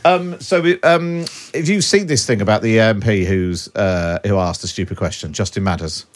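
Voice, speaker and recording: Chatty male podcast host. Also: on the low side. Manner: brisk, jokey, laughs often. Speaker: radio presenter.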